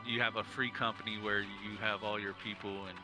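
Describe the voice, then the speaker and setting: A man casually explaining game mechanics to a streamer in a relaxed way. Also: lowish voice, brisk, over music, low-quality recording. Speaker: co-player giving game advice. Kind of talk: casual chat.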